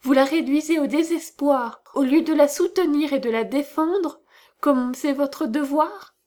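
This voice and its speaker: A woman's voice: on the high side, measured pace, darkish tone, close to an everyday voice. A woman voicing an enraged, grief-stricken male colonel who thunders threats in a storybook reading. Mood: thundering.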